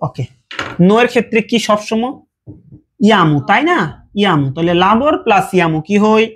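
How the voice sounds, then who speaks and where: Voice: mid-range voice, animated, normal speed. A teacher giving a casual language lesson, explaining verb forms patiently with repeated examples and check questions.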